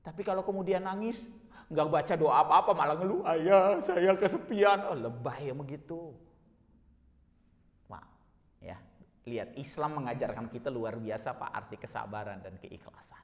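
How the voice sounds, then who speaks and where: A man's voice: mid-range voice, expressive, normal speed. Man preaching in a reverberant hall. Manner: emotional, swings from soft murmurs to loud exhortation. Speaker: Islamic preacher. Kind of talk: sermon.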